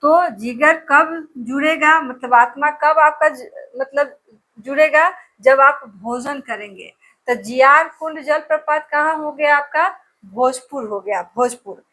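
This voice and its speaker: A woman's voice: high voice, unhurried, sharp tone. A woman teacher giving an exam-prep lesson, drilling place names with memory tricks and repeating each answer over and over.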